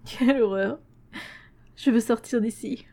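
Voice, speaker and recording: A woman's voice: fairly high pitch, measured pace, warm tone, pitched above the performer's own voice. A woman voicing a terrified ordinary man who pleads and sobs in a story reading. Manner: pleading, panicky, tearful.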